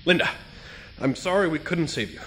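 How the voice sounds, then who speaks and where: A pompous, eccentric detective, voiced by a man, talks in formal, deadpan phrasing while dryly needling his partner in this audio drama. His voice sits high and swings lively up and down. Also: moderate pace, a little hiss or hum.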